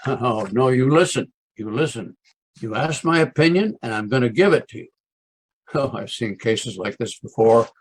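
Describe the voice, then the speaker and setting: A husky voice, a man acting a crusty town doctor in a western radio play. He is American and speaks his mind in a wry, needling, emphatic way. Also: medium pitch, animated, normal speed, lightly acted. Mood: scolding.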